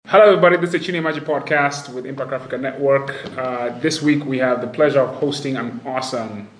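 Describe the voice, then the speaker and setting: A man's voice: medium pitch, fairly even intonation, quick pace, soft background music. A man hosting a casual interview, informal and often restarting as he searches for words. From Kenya. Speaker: podcast host. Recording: roomy echo, faint background noise.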